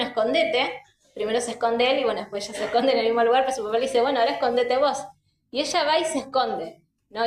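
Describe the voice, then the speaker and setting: A young woman with an Argentine accent preaches a sermon in a church hall, her somewhat high voice ringing off the walls. She speaks earnestly and keeps checking in with her listeners as she goes. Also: darkish tone, slight background noise. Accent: Argentine Spanish.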